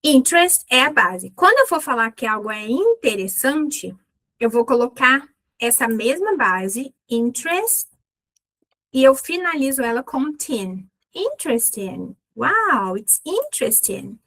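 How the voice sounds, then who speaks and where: A Brazilian woman whose first language is Portuguese teaches an English lesson, explaining things clearly and instructively and repeating English words slowly so learners can practice. Her voice is high, sing-song, and a bit bright.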